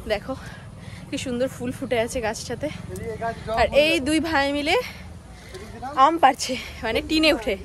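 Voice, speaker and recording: A woman's voice: high-pitched, normal speed, pauses often, crowd noise. A woman with a Bengali accent, casually narrating a family vlog at a village home and pointing things out to viewers. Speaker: vlogger. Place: outdoors at a village home, rooftop. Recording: noisy outdoor phone recording.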